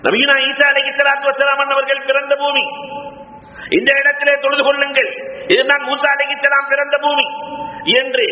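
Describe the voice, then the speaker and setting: A man's voice: very high voice, completely flat delivery, normal speed. A man preaching a sermon, repeating words for emphasis and calling his listeners beloved. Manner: repetitive orator, addresses listeners as beloved. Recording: echoey hall, dull lo-fi sound.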